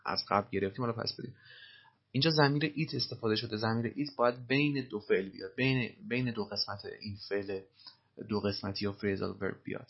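A man with a husky voice teaching English phrases, patiently explaining and repeating them slowly. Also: fairly low pitch, muffled recording.

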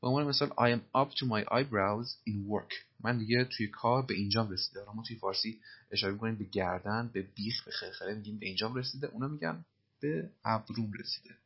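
A man with a husky voice teaching English phrases, patiently explaining and repeating them slowly. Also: on the low side, highs cut off.

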